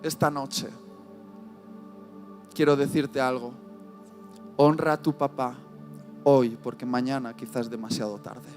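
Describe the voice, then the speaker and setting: A man preaching an emotional sermon, telling a personal story with heartfelt pauses and repeated lines. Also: medium pitch, level tone, faint music behind. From Spain.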